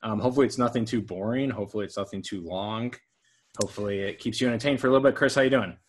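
Low-voiced podcast co-host with hiccups. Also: male voice, racing, slight background noise. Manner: rambling, self-interrupting. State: has the hiccups. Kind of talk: casual podcast chat.

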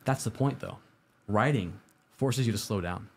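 Speaking at a normal pace, this host of a live-streamed IT study show has a lowish, darkish voice with a breathy edge. His advice is upbeat and neat, delivered conversationally and informally to viewers, whom he poses questions to.

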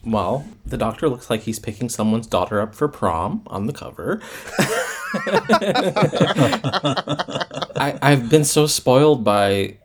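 A man co-hosts a casual podcast in an easygoing way, often laughing at himself. His voice sits on the low side. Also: moderate pace, few pauses, slight background noise. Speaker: podcast co-host.

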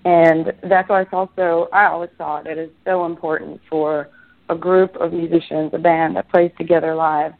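A woman from Israel talks in a low-set voice over a tinny, phone-like line. She rambles casually as an interview guest, with many restarts and fillers. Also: level tone, normal speed. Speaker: musician guest.

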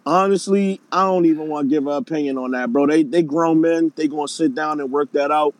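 A man's voice: fairly high pitch, fairly even intonation, fairly quick, dry recording. A man with a Baltimore accent talking casually and emphatically in slang during a group discussion. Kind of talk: casual group discussion of a battle rap event.

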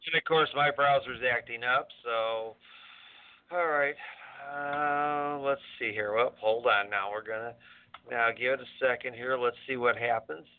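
Halting male radio host on a tinny line. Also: medium pitch, steady tone. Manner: halting, meandering, repeats himself. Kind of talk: casual live talk radio chat. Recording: tinny phone-like narrowband audio.

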